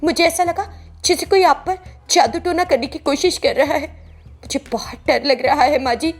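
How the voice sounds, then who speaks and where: A woman's voice: sits high, expressive, moderate pace, soft background music, pitched above the performer's own voice. Woman voicing a meek pleading young wife. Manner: pleading, soft. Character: meek, mistreated young daughter-in-law.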